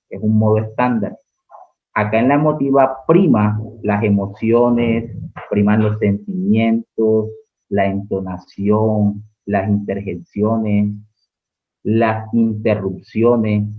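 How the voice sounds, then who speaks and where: A male teacher with a Colombian accent giving an exam-prep lecture, explaining step by step and asking the class rhetorical questions. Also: fairly low pitch. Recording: narrow phone-like audio.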